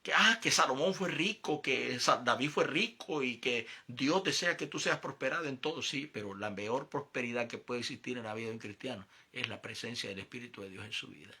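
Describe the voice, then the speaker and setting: Gravelly man telling a testimony. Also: mid-range voice, fairly quick, few pauses, pushed and bright. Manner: storytelling, acts out the voices of the people in his story. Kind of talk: testimony and preaching.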